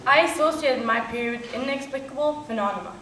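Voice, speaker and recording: A woman's voice: sits high, fast, natural voice. A young woman performing a stage monologue with earnest, confessional telling. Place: stage in a hall. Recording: roomy hall from far off, faint noise.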